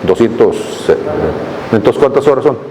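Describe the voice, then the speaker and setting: A man's voice: medium pitch, moderate pace. A male pastor preaching a sermon, telling the story with humor and voiced quotes. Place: church hall. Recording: long reverb in a hall, faint noise.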